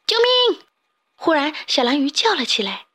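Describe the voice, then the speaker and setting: Woman, storyteller, expressive children's narration, higher voice. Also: fairly quick, no echo, studio quality.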